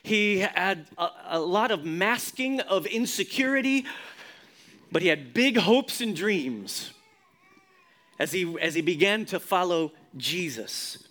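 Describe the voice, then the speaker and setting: A male pastor delivering a sermon in a fairly high voice that swoops up and down with lively expression. He often sinks to a quiet, low hush to stress a point. He calls on the congregation to answer back. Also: takes it slowly. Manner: leads the congregation in responses.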